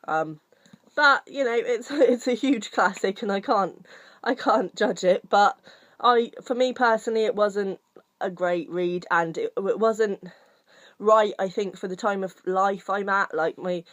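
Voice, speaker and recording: A woman's voice: mid-range voice, a little slow, dry recording. Chatty woman reviewing a book. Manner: chatty, candid, many ums and restarts. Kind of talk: casual book review vlog.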